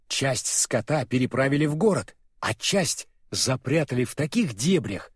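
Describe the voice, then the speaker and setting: A man narrating a fairy-tale audiobook in an expressive, vivid storytelling manner. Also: medium pitch, normal speed, breathy edge, dry recording, studio quality.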